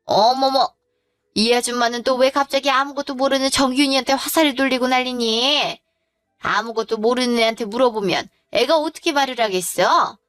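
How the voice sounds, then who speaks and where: A woman's voice: high voice, moderate pace, fairly bright tone, no echo, soft background music. A woman voicing a condescending older mother-in-law who scolds her daughter-in-law.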